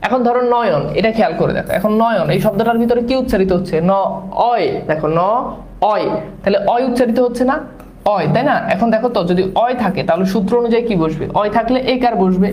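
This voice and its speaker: High-voiced male teacher, echoey room. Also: darkish tone, a little hiss or hum. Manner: repeats sounds slowly, asks students questions. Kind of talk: grammar lesson.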